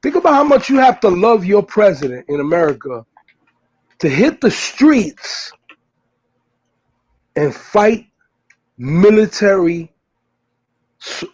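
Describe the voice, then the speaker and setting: A man's voice: high-pitched, darkish tone, lo-fi sound. A man from the US Northeast, the host, talking loosely in casual chat, full of fillers and restarts. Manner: rambling, many fillers and restarts.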